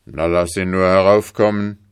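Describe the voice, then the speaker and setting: A man's voice: low voice, flat delivery, normal speed, clear, resonant tone. A man doing an old, commanding king. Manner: commanding yet kindly.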